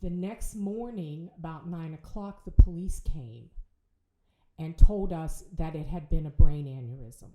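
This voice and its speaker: A middle-aged woman, telling a personal story as a podcast guest in a halting way, with restarts and repeated words. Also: low voice, dark tone. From Ohio, United States. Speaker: bereaved mother, podcast guest. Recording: roomy echo.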